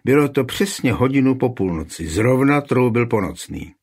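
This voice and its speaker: A man's voice: medium pitch, lively intonation, a little mellow, breathy edge, pitched above the performer's own voice. A man voicing a smug, easily offended town reeve in a historical storybook reading. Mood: smug, indignant.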